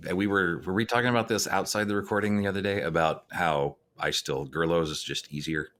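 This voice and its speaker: A man's voice: sits low, steady tone, fairly bright tone. A man co-hosting a podcast, chatting casually and laughing easily with his co-host. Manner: quick laughs and short agreeing replies.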